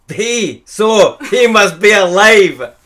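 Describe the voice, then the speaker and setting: A man voicing a hearty male warrior with a Scottish accent, speaking loudly. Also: high-pitched, lively intonation, takes it slowly, heavily acted. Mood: reassuring. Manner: loud, hearty.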